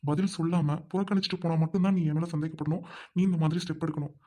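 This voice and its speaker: A man voicing a loyal young groom in an amateur audio drama, scolding hard and then reassuring gently. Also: fairly high pitch, steady tone, very fast, close to an everyday voice.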